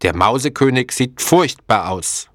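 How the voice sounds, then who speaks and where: A man narrating a storybook slowly and clearly, in a deliberate, expressive way for language learners. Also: medium pitch, dry recording, clean studio sound.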